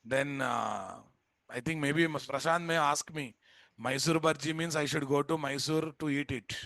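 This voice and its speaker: A man's voice: on the high side, measured pace, fairly bright tone, no echo. A man with a Telugu Indian accent lecturing an online class informally and bluntly, repeating himself and tossing out rhetorical questions. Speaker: software instructor. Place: indoors at a computer, live screen-share class.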